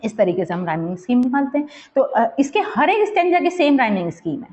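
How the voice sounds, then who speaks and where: A woman's voice: a little high, very animated, quick pace, darkish tone, highs cut off. A woman teacher explaining a poem for exam preparation, mixing English terms into her talk and checking in often with her students. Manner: counts and repeats words aloud while pointing to the text. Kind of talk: exam-prep literature lesson.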